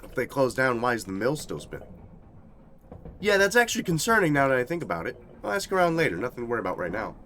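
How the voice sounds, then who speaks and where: A man's voice: mid-range voice, fast, slight background noise. A man reading aloud and reacting as he plays through a game on a live stream. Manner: animated, reacting loudly and reading text aloud.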